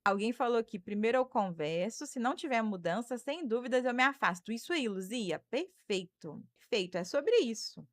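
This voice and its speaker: A Brazilian woman in her thirties talks through a live stream as a psychologist, answering viewer comments and thanking people by name. Her voice sits a little high, and the sound is close and dry. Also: expressive, normal speed, hardly any pauses, dry recording. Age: 30s. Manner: warm advice-giving, thanks viewers by name.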